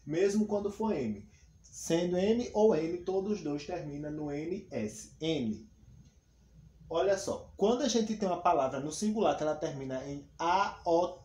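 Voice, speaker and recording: A man teaching a grammar class, patient and thorough, repeating each rule and giving example after example. His voice sits a little high for a man but has a warm, mellow tone. It sounds like a bare, echoey room, with a faint hum underneath. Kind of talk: explaining a grammar lesson.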